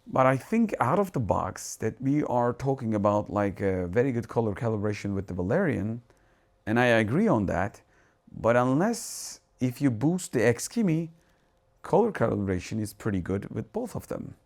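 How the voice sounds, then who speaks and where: This very animated man from Turkey, with a Turkish accent and medium pitch, reviews gear at a moderate pace. Sitting in a dark home cinema room, he chats casually through settings as he alters them, thinking aloud with restarts and asides during a live product demo.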